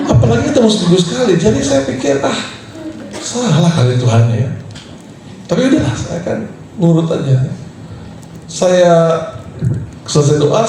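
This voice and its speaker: A pastor preaching a sermon, telling a personal story in a lively, storytelling way and laughing as he goes. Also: high-pitched, a little hiss or hum. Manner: storytelling, animated, laughing through anecdotes. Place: church sanctuary. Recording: echoey church hall from far off.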